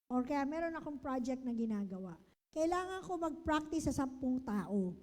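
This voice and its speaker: A woman with a Filipino accent, lecturing a seminar on business approaches, lively and always checking in with the audience. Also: high-pitched, normal speed. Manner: lively, keeps asking the audience "di ba?" and "okay?". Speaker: business trainer. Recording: long hall reverb.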